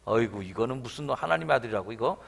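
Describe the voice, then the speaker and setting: A preacher doing a jeering robber, loud and scornful. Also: male voice, medium pitch, animated, racing, creaky, in a large hall, voice pushed down. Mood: taunting. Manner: taunting, mocking.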